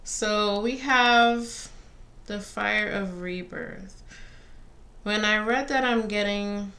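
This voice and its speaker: A woman giving a casual spiritual card reading to viewers, pausing between phrases. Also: mid-range voice, sharp tone. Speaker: tarot and oracle card reader. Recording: faint background noise.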